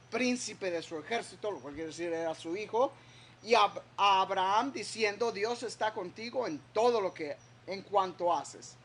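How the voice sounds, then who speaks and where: A man's voice: high voice, fairly bright tone, breathy edge. A male pastor preaching a sermon, reading scripture and acting out the quoted words with emphasis. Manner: slow, emphatic preaching with dramatic quoted voices.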